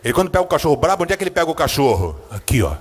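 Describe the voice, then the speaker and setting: A man preaching in a church with a Brazilian Portuguese accent, telling a personal story, acting out the scenes and swinging from a low murmur to high, excited bursts. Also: rapid-fire, husky. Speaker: pastor.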